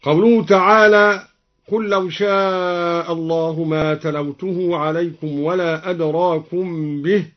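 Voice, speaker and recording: A man teaching Quran recitation, explaining each reading and then chanting the verse slowly and drawn out. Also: on the high side, fairly even intonation. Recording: dull lo-fi recording.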